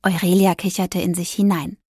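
A woman narrating a children's story in an expressive storytelling manner. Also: fairly low pitch, normal speed, breathy edge, no echo, clean studio sound. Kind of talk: audiobook narration.

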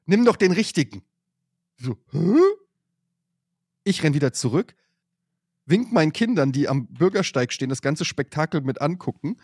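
A man, hosting a podcast and telling a long, animated anecdote in casual chat. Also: fairly high pitch, moderate pace, pauses often, breathy edge, dry recording, studio quality. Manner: animated anecdote-telling, voices his mother. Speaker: podcast host.

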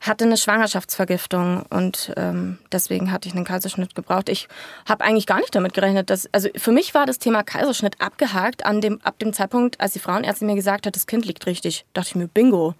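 A woman telling her own story in casual conversation, colloquial and candid, sometimes dropping to a soft breathy half-whisper. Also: medium pitch, a little fast, dry recording. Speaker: guest sharing a birth story.

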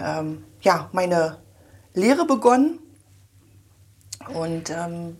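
Husky-voiced woman in her 40s, rambles on w lots of ums, interview guest in a small office. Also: mid-range voice. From Berlin. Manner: rambling with many fillers. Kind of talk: casual interview chat.

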